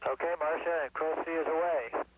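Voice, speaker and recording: A man's voice: fairly high pitch, fairly even intonation, fairly quick. Man answering over a hissy space radio link. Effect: distant space-to-ground radio transmission. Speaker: astronaut crew member. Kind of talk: brief acknowledgements over radio.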